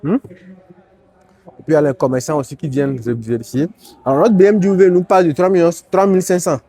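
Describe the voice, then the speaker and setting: A man's voice: fairly high pitch, fairly even intonation, fairly quick, dark tone. Chatty man touring a car lot. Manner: chatty and rambling, sprinkled with tags and asides. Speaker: used car vlogger. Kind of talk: casual walk-around commentary. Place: outdoor used car auction lot.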